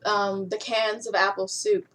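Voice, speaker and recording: A young adult woman in a casual fan discussion, commenting on a music video in a halting, jokey way. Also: medium pitch, level tone, a bit bright, low-quality recording.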